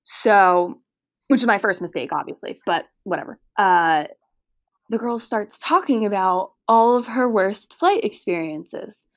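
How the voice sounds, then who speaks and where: A young woman co-hosting a podcast, telling a story in a chatty, animated way, full of fillers and acted-out quotes. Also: mid-range voice, measured pace, no echo, clean studio sound. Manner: chatty, animated, lots of "like", acts out quoted voices. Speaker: podcast co-host. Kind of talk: casual chat, storytelling.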